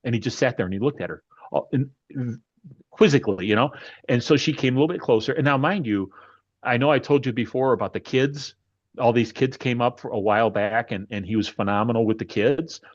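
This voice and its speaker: A man telling a story about his dog in casual conversation, animated and often restarting his sentences. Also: mid-range voice, fairly quick, muffled recording. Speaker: dog owner.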